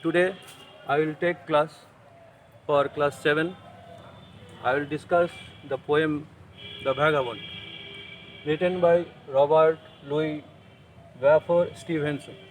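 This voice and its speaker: Man, Bengali accent, school teacher, online lesson, slightly high voice, unhurried. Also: fairly even intonation, slight background noise, poor audio. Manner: slow, deliberate explaining, mixing English with Bengali. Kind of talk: online class lecture.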